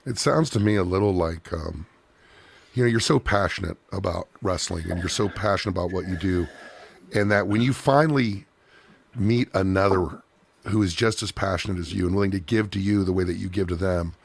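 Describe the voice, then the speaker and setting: A man hosting a podcast, asking questions and reflecting back on what he hears in a relaxed way. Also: deep voice, fairly quick, vocal fry, breathy edge, dry recording. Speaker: podcast host, interviewer. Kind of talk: conversational interviewing.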